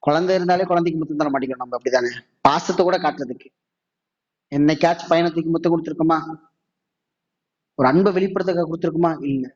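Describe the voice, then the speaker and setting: A Tamil-speaking man preaching a mosque sermon. He asks the audience many questions and slows down to recite quotes. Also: on the high side, dull audio.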